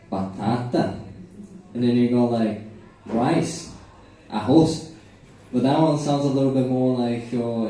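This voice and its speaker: A man's voice: medium pitch, dark tone. A young Brazilian man whose first language is Portuguese, doing rambling, self-mocking stand-up at an open mic. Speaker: stand-up comedian. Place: open mic comedy venue. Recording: echoey room, from far off.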